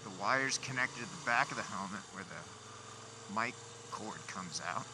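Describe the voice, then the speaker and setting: Male motovlogger, lowish voice, casual and grumbly, speaking inside a helmet with engine and traffic noise. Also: animated, measured pace. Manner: wry, grumbling asides at traffic. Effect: voice enclosed inside a motorcycle helmet. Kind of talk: casual chat, muttering to himself while riding. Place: riding a motorcycle outdoors on city streets at night. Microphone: small mic inside helmet, recorder.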